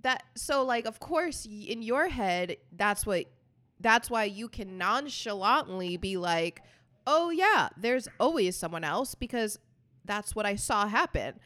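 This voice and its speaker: Female podcast co-host, frank and fast, casual swearing, direct opinions. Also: medium pitch, animated, bright, forceful tone. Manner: blunt, quick, swears freely. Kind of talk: casual chat.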